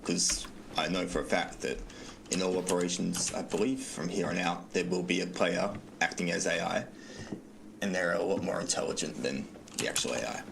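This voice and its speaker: Deep-voiced man, rough gravel, game organizer on noisy comms. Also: moderate pace. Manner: calm, explaining plans. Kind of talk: casual voice chat briefing.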